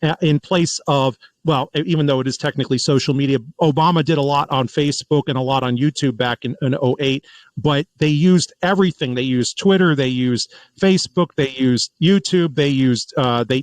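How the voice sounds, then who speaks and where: A man hosts a political talk show in an animated, chatty way, often stopping to restart and repeat his words. His voice sits fairly high for a man. The sound is dry and close, with no room around it. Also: no echo, poor audio. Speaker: podcast host. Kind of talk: casual political commentary.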